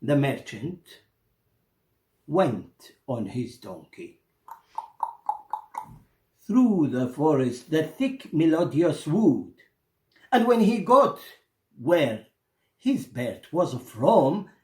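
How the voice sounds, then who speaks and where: A middle-aged Iraqi man, a native Arabic speaker with an Iraqi accent, tells stories and explains things in deliberate, expressive, halting phrases. His pitch is fairly high, and the room adds a noticeable echo.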